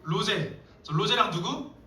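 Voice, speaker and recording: A man's voice: high voice, lively intonation, unhurried, pushed and bright. A young man, a youth pastor, preaching a playful, joking sermon to teenagers in a church hall. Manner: playful, joking, addresses teens directly. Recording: echoey hall, mic far off.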